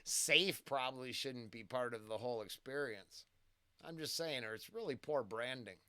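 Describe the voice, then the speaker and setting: A man's voice: mid-range voice, moderate pace, bright, forceful tone, clean tone, dry recording. A man hosting a casual first-listen music reaction, talking in a rambling, tangential way with lots of fillers and restarts.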